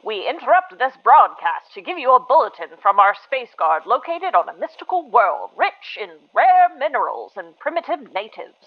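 A woman's voice: a little high, very animated, moderate pace, few pauses. A woman announcer cuts in with a hijacked-broadcast news bulletin, hyping a retro sci-fi picture in old-time slang, heard through a lo-fi old radio filter. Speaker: announcer in a sponsor spot. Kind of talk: retro sci-fi movie trailer read as a breaking news bulletin. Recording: tinny lo-fi old radio sound.

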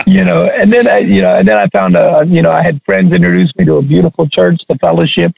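A man's voice: sits high, expressive, vocal fry, breathy edge, no room sound, narrow, tinny audio. A man, a guest chef, talking casually in an interview and restarting his sentences often. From Texas. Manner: halting, many restarts.

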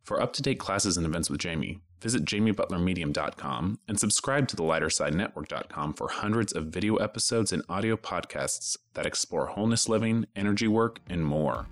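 Deep-voiced man reading a podcast intro. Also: expressive, fairly quick, few pauses. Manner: smooth, promotional read. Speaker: announcer.

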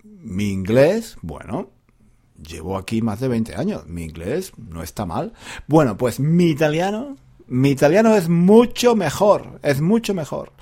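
Animated playful male teacher. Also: mid-range voice, a little slow, breathy edge. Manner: repetitive, playful, self-deprecating. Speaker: podcast host and Spanish teacher. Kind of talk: teaching Spanish podcast.

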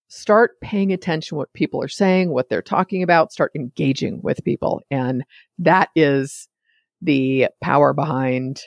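Gravelly, chatty woman podcast host. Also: low voice, no echo. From California. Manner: chatty and digressive, often sidetracking herself. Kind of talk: casual solo podcast monologue.

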